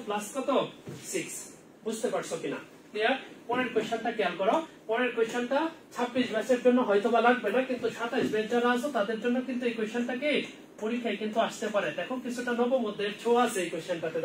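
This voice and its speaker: A man drills an exam-prep chemistry class in a high voice, rattling off questions and answering them himself. He is recorded from a distance in an echoey room with a faint hum of ambience behind him. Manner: quizzing students and answering his own questions. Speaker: chemistry teacher.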